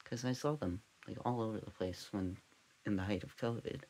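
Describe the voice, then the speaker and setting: A man hosting a parody true-crime podcast, rambling and scatterbrained, drifting off on tangents in a deadpan way. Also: fairly low pitch, fairly quick, a little hiss or hum, rough recording. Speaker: comedic podcast host.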